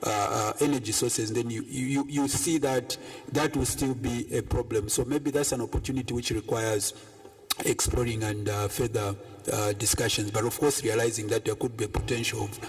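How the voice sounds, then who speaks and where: A man's voice: mid-range voice, steady tone, moderate pace. A man from Zambia making a hesitant, unscripted comment in a panel discussion. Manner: hesitant, many fillers and restarts. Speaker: panel participant. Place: conference room.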